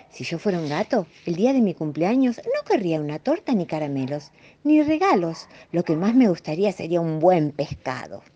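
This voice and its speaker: A woman reading children's stories and poems aloud, expressive and playful. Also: sits low, highs cut off, a little hiss or hum. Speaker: storyteller.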